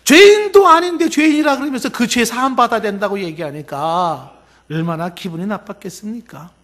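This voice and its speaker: A male pastor preaching a sermon who acts out quoted people in dialogue and rises to emphatic, near-shouted exhortation. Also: high-pitched, fairly quick.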